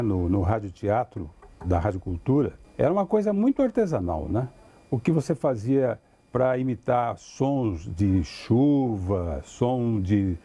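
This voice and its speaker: A man with a Brazilian accent reminisces as an interviewee in a documentary. His medium-pitched voice is warm and slightly rough, and he uses formal, articulate wording, often adding little tag questions.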